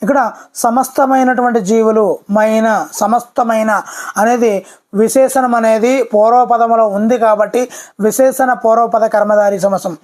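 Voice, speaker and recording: Brisk voice-over teacher. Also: mid-range voice, flat delivery, darkish tone. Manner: brisk, repeats key words, polite address to viewers. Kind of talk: exam-prep language lesson.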